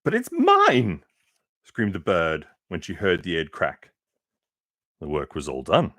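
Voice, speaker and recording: A man reading a children's picture book aloud with expressive, unhurried storytelling and casual asides. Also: rumbling low, dry recording, studio quality. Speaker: reader.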